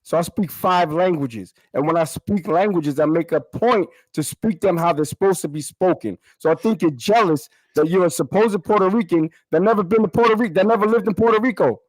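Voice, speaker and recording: High-pitched taunting New York man. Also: a little fast, hardly any pauses, no room sound, poor audio. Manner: taunting, boastful, repeats himself. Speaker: guest debater on a live stream. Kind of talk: heated informal debate, street slang.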